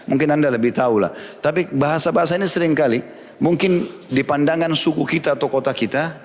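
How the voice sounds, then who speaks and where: A man giving a religious lecture, telling a story and acting out the quoted lines with his voice rising. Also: in a large hall. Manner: storytelling, acting out quoted dialogue in a raised pitch. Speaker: preacher.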